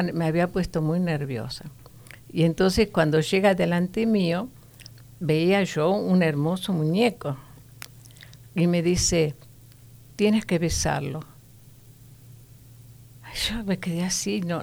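A woman's voice: on the low side, gravelly. A middle-aged woman, telling a childhood story as an interview guest and acting out the voices in it. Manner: animated storyteller, voices her childhood self and sister. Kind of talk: personal testimony in casual interview.

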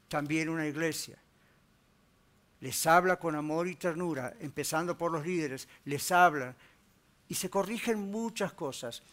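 A man with a fairly high voice preaches a sermon as pastor. He builds his points through rhetorical questions, then settles into a quieter tone to pray. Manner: rising emphatic preaching, rhetorical questions, dropping low and soft in prayer. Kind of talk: sermon with closing prayer.

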